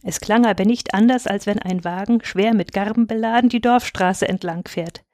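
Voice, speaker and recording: Calm woman reading a story aloud. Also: medium pitch, normal speed, no echo, studio quality. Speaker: reader. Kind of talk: literary read-aloud narration.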